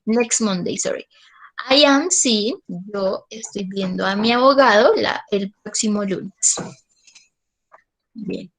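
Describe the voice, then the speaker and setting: A woman's voice: mid-range voice, steady tone, slow, creaky, poor audio. A woman teacher, patiently explaining English grammar in an online class and often checking that students follow.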